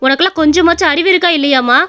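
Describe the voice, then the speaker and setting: A woman voicing a hardworking elder daughter-in-law in a cartoon story, shrill and protesting. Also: fairly even intonation, quick pace, fairly bright tone, clear, resonant tone, soft background music. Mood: indignant.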